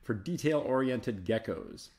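A man hosting a live Linux show, chatting casually and thinking aloud as he installs and explores software, coaxing slow programs along. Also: medium pitch, lively intonation. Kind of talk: casual live screencast commentary.

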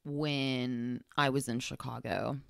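A young woman with a very deep voice talks slowly through a solo podcast, wandering off and correcting herself as she goes. The sound is dry and close, with no room around her. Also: fairly even intonation, vocal fry, dry recording. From Texas. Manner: rambling, lots of fillers and self-corrections. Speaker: podcast host. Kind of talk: casual solo podcast monologue.

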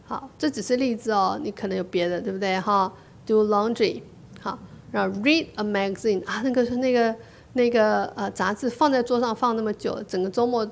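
A woman teaching an English lesson in a chatty, repetitive classroom manner, often tacking a drawn-out "ha" onto her phrases and saying lines slowly for listeners to repeat. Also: mid-range voice, creaky, a little hiss or hum.

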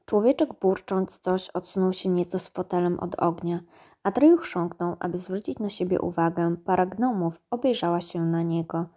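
A woman's voice: fairly low pitch, moderate pace, warm tone. A woman reading a children's fantasy novel aloud as an audiobook narrator. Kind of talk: scripted narration.

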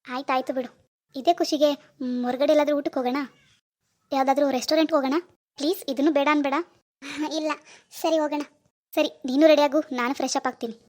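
A woman's voice: high-pitched, fairly even intonation, fast talker, pauses often, a little mellow, lightly acted. A woman voicing a stern young husband in a cartoon, speaking in a firm, scolding manner. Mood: soothing.

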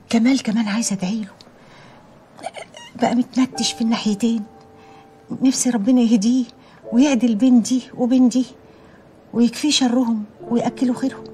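A woman's voice: on the high side, natural voice. An actress as a tender elderly Egyptian mother. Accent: Egyptian Arabic. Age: older. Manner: tender, prayerful, softly pleading. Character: loving elderly mother praying for her children. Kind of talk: Egyptian TV drama acting.

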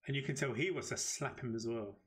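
A British man giving chatty, excitable live commentary as he streams a game at his desk microphone. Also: medium pitch, quick pace. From United Kingdom.

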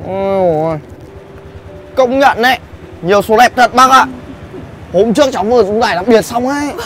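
An actor playing a sly young man who poses as a customer to rob a vendor, cocky and quick-talking. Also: high voice, a bit bright, slight background noise. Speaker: actor in web drama.

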